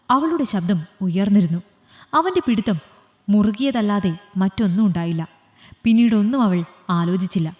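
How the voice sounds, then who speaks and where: A woman storyteller narrating an audiobook story in a steady, expressive reading voice. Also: medium pitch. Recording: long room reverb.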